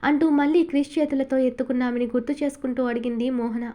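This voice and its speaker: A woman narrating an audiobook novel in a steady, expressive reading. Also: sits high, fast. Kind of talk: scripted story narration.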